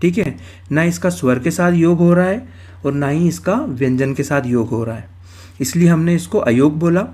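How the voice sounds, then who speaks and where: A man's voice: on the high side, normal speed, a little mellow. A male Hindi grammar teacher giving an exam-prep lecture, explaining step by step, repeating key terms and asking and answering his own questions.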